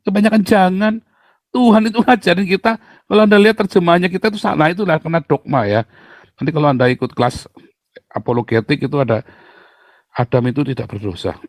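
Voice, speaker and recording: A middle-aged man with a light lilt delivers a sermon in a lively, teasing way. He jumps into high mocking voices and sound effects to make his point. His voice sits at an ordinary pitch, recorded dry and close. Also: no room sound. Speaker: pastor.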